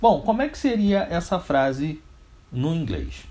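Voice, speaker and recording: A man's voice: fairly high pitch, sing-song, measured pace, mellow. A man with a Brazilian Portuguese accent teaching an English grammar lesson step by step, asking questions and answering them himself. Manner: didactic, step by step.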